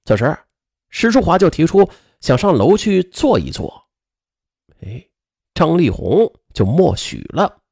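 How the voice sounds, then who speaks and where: A man telling a true-crime story in a lively way, full of spoken fillers. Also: a little high, unhurried, pauses often, slightly rough, no echo, clean studio sound.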